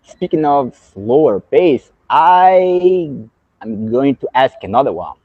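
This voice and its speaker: A man's voice: mid-range voice, sing-song, slow, no echo, highs cut off. A man from Brazil with a Brazilian accent, a native Portuguese speaker learning English, chatting hesitantly in a casual lesson. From Salvador, Brazil.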